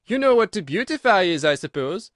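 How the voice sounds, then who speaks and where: A man voicing a brusque, bossy gryphon in a storybook, scornful and impatient, with a loud, blunt, exclamatory way of talking. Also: high-pitched, sing-song, a little fast, no room sound, studio quality, voice pushed up.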